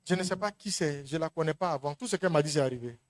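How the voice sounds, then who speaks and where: High-voiced Ivorian pastor preaching a testimony. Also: male voice, rapid-fire. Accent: Ivorian French. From Côte d'Ivoire. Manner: storytelling testimony, acting out voices, swinging from loud calls to near-murmurs. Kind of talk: sermon.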